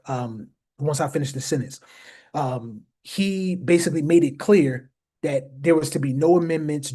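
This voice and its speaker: A man's voice: a little high, mellow, breathy edge. A man hosting a casual explainer talk, speaking emphatically to his viewers and often repeating phrases for stress. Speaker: host.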